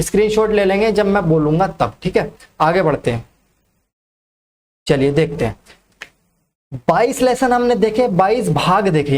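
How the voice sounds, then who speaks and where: A male teacher giving an exam-prep lecture, who keeps asking questions and then answering them himself, repeating the key facts and often adding "ठीक है". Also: high-pitched.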